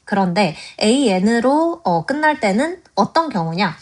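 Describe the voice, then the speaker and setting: A woman's voice: medium pitch, very animated. A woman teaching a grammar lesson, addressing her viewers directly and drawing out each example word. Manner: slow, drawn-out pronunciation of example words. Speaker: language teacher.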